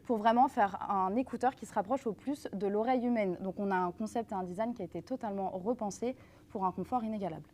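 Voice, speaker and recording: A woman's voice: medium pitch, fast, dark tone, slight background noise. A woman working as a brand representative, explaining things in a live product presentation and speaking directly to viewers.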